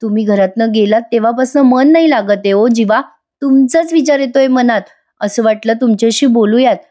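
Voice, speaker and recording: A woman reads a loving young wife who worries about her husband. Her lines come out soft and mellow, fairly high. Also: fairly quick, close to an everyday voice. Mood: fond. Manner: fond, anxious.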